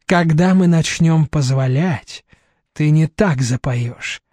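Storybook thug, menacing sneer, read by a man, rather high voice, dry mic. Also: takes it slowly, a little mellow, no room sound. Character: sneering slick-haired young male thug.

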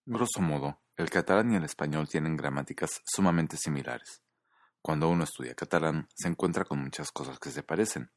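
Man, very low voice, scripted lesson narration, explanatory, slows for examples. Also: no room sound, studio quality.

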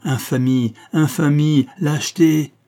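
A man's voice: medium pitch, lively intonation, moderate pace, warm tone, husky. A man reading an audiobook, voicing a pure, indignant young noble woman in a raised, fervent voice. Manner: pleading then fiercely indignant.

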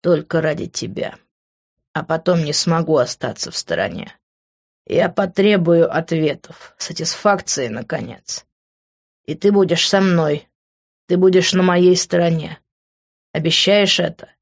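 Woman doing brooding young man, lowered voice, possessive, urgent; dull lo-fi audiobook sound. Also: lively intonation, a little slow. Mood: firm. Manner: pleading, intense. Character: anguished young man, intense and possessive lover.

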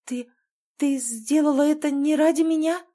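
Woman doing a desperate young wife, trembling, pleading, higher voice, storybook audiobook. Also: normal speed, dark tone, lightly acted. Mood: heartbroken. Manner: pleading, voice breaking.

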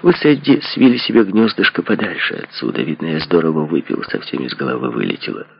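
A man's voice: a bass voice, sing-song, fast, vocal fry, husky, heavily acted. A man voicing a sardonic, probing detective in a book reading. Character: cynical, mocking male detective. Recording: dull lo-fi recording.

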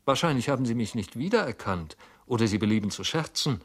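A man voicing an anxious, self-reproaching clerk who mutters to himself, his voice swinging between loud outbursts and hushed asides. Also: mid-range voice, expressive, fast talker, husky. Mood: wounded politeness. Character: anxious fretful male clerk, middle-aged, self-reproaching.

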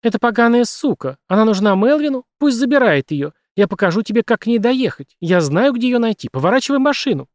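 Man doing frightened young woman, high strained pleading voice, audiobook character, dry sound. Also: lively intonation, fast talker, darkish tone, dry recording. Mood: urgent. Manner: raised pleading voice, strained and urgent.

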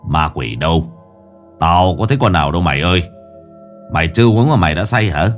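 A blunt, coarse older man speaking low and gruff, as a male narrator puts him on. His voice sits deep, with soft music underneath. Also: animated, brisk.

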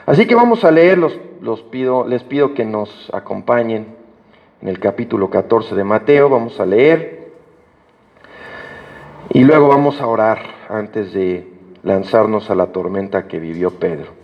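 A man preaching a sermon to a congregation, earnest and emphatic, rising in pitch to stress his points. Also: expressive, unhurried. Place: church hall. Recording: dull sound with long hall reverb.

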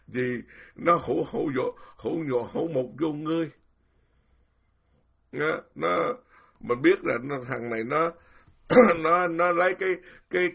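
A man's voice: a little high, gravelly, fairly bright tone, breathy edge. An older man, a Buddhist monk with a Southern Vietnamese accent, giving a casual and indignant dharma talk. He rambles, repeats words and breaks into laughter.

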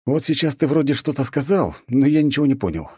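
A sarcastic young hero who is fed up and snaps back, as a male narrator voices him. His voice sits above the reader's low narrating tone but stays dark. The recording is dry. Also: big pitch swings, fast, slightly rough, no echo. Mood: irritated, sarcastic. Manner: irritated, sarcastic.

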